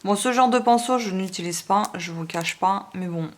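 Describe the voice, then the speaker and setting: A woman talks casually as she unboxes makeup brushes, hesitating often and filling pauses with little sounds. Her voice sits at an ordinary middle pitch. Steady noise and crinkling packaging stay in the background of the homemade recording. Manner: chatty, hesitant, many fillers. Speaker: beauty vlogger. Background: wind noise and plastic crinkling.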